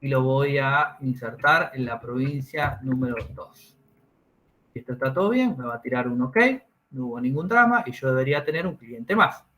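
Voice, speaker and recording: A man's voice: medium pitch, moderate pace, bright, forceful tone. A man teaching a class, explaining each step and checking in with his students. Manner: explains step by step, checks understanding with tag questions. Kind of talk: classroom lesson.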